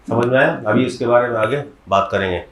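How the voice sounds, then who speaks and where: A male teacher lecturing a class in a medium voice, breaking things down step by step and checking in with students through frequent questions. The sound is roomy, with a clear echo from the classroom walls. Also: medium pitch, fast talker. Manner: explains step by step, often quizzing students. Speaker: chemistry teacher.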